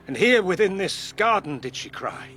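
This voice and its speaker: A man's voice: high voice, very animated, normal speed, a bit bright, faint music behind. An actor playing a grief-stricken aging father who declaims anguished verse over a murder in a classical play. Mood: alarmed.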